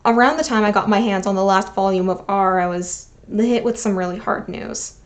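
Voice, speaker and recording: Her voice mid-range and her pace normal, this twenty-something channel host narrates a personal video essay. Heartfelt and sentimental, she punctuates it with dry jokes at her own expense.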